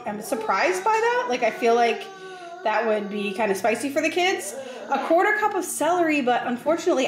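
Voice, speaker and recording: A woman's voice: fairly high pitch, noisy background. A woman in her thirties from New Hampshire, chatting casually to viewers as she cooks at home. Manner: chatty, upbeat, talks to viewers while cooking. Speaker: cooking channel host. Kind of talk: casual cooking vlog narration. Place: home kitchen. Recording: roomy kitchen with background music.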